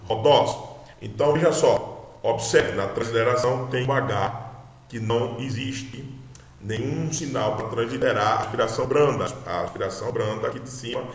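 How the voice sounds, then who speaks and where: Roomy-sounding man teaching. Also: medium pitch. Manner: explanatory, repeats words slowly, checks in with listeners. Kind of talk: recorded video lesson. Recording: roomy echo.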